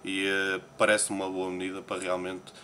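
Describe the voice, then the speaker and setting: A man's voice: low voice, completely flat delivery, normal speed, sharp tone, slight background noise. A man from Portugal with a European Portuguese accent, chatting casually in an interview and commenting on newspaper headlines with frequent hesitations. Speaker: poker player interviewee. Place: Las Vegas, morning.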